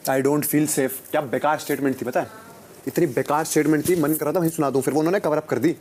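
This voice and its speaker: A man's voice: on the high side, racing, a little mellow. A man in casual chat who switches between Hindi and English, teasing and joking with the others. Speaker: reality show contestant. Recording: faint background noise.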